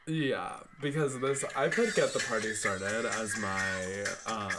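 A young man co-hosting a casual pop-culture podcast, talking in a campy, animated way with exaggerated outbursts. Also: on the low side, slow, very noisy. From United States. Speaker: podcast co-host.

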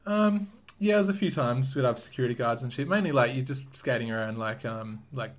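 A man's voice: mid-range voice, lively intonation, a little fast. A man in his thirties with an Australian accent, chatting casually and laid-back, swearing often and tagging "man" onto his sentences. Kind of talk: casual chat.

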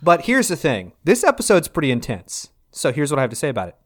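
A man's voice: fairly high pitch, wildly swooping pitch, fast talker, fairly bright tone. Jokey male podcast co-host. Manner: playful, jokey scripted intros. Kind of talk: casual podcast recap.

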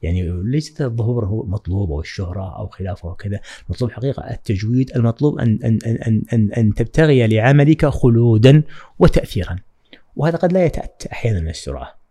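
A man talks quickly as a podcast guest, with a mellow, dark tone. He speaks in a measured, reflective way and often stops to hesitate. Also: mid-range voice, lively intonation, breathy edge. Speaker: guest, writing trainer. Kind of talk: podcast interview.

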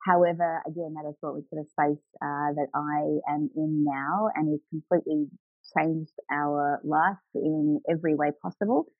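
A woman's voice: deep voice, fairly even intonation, moderate pace, no room sound, phone-quality sound. A middle-aged woman telling her own story as an interview guest, earnest and reflective. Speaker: guest, grief recovery coach.

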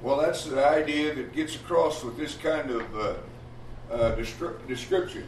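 Teaching a Bible study, a man with a slightly high voice speaks at a moderate pace, his emphatic delivery carrying through the room as he keeps checking in with rhetorical questions. He's recorded from afar in an echoing hall, faint noise beneath him.

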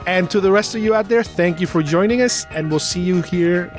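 A man's voice: sits high, a little fast, faint music behind. A man hosting a podcast with casual, rambling hobbyist commentary. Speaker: podcast host.

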